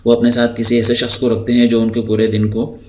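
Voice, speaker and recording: This Pakistani teacher's recorded English vocabulary lesson has him stretch every word out slowly and then explain it with patience, hesitating often with fillers. He speaks at medium pitch with a flat delivery and a darkish tone.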